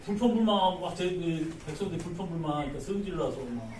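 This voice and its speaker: Guy pastor preaching, high voice jumping all over, playful, echoey church mic kinda far. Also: quick pace, slight background noise. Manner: animated, playful, asks congregation questions. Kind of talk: sermon. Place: church sanctuary. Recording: roomy church sanctuary, distant mic.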